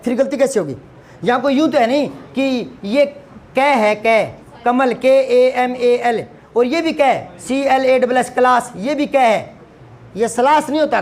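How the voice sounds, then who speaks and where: A man's voice: very high voice, darkish tone. A man teaching a lesson to students, scolding and asking rhetorical questions, often repeating words for emphasis. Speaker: Hindi teacher.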